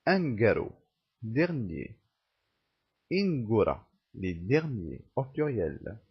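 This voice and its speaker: A man giving a grammar lesson, slowly dictating example words one by one in a halting teaching manner. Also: medium pitch, breathy edge, lo-fi sound. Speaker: language teacher.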